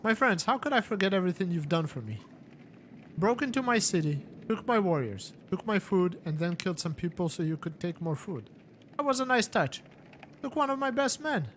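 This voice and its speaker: A man's voice: high-pitched, expressive, brisk, fairly bright tone, a little hiss or hum. A man putting on a mocking exiled warlord. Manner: mocking, theatrical.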